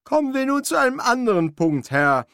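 A narrator putting on the voice of a fussy, servile old manservant in a radio play, talking high and quick. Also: male voice, very animated, fairly bright tone, clear, resonant tone, no echo, full character voice. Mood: instructive. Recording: dry studio recording.

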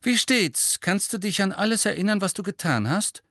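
Ginny: a man doing a high, blunt teenage girl. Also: animated, normal speed, no room sound, studio quality. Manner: blunt, forceful.

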